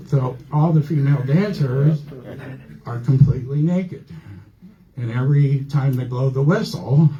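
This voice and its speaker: A man's voice: mid-range voice, dark tone. An older man doing a stand-up set on a comedy club stage with a handheld mic, telling rambling, self-deprecating stories. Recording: dull lo-fi club recording.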